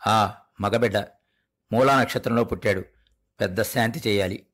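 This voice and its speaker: A man voicing a frail, weary old priest father who scolds his son in a raised, higher voice. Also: moderate pace, fairly bright tone.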